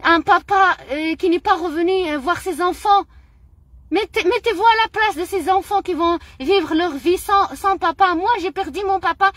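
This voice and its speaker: A woman's voice: very high-pitched, moderate pace, fairly bright tone, no echo. A middle-aged woman from Morocco, speaking in an impassioned personal monologue, indignant and emotional, often repeating her phrases. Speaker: vlogger.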